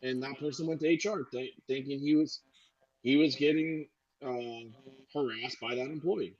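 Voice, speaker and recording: A man's voice: mid-range voice, fairly even intonation, normal speed, a little mellow, no room sound, lo-fi sound. A man co-hosting a casual talk radio show, telling a long story with many restarts and filler sounds. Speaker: podcast co-host.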